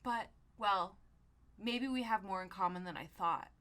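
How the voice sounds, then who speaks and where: A woman's voice: medium pitch, moderate pace, pushed and bright, close to an everyday voice. A woman voicing a crude, menacing old male emperor in a parody story, with threats and exclamations. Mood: disgusted, then sly.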